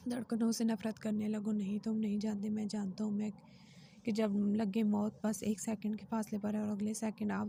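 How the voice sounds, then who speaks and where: A woman's voice: mid-range voice, vocal fry, dark tone, slight background noise, natural voice. A woman reading the part of a traumatized teenage boy in a storybook novel, speaking with anguished, repeated pleading. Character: traumatized teenage boy recounting abuse, bitter.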